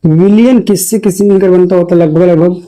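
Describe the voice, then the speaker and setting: A man teaching a chemistry lesson for board exams, posing questions to the class and answering them himself, repeating key terms slowly. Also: high-pitched, fairly even intonation, mellow, low-quality recording. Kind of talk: classroom lecture for board exam.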